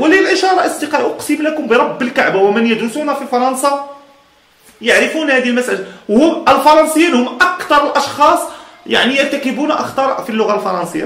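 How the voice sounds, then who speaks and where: A man's voice: extremely high pitch, a bit bright, echoey room. A man from Morocco with a Moroccan Amazigh accent, giving a casual motivational talk in an emphatic, blunt way, laughing often between points. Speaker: motivational speaker.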